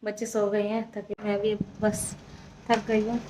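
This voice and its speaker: A woman's voice: medium pitch, monotone, a little slow, background noise. A woman in her thirties narrating her own vlog in a chatty, sentimental, storytelling way. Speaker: vlogger. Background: loud guitar music.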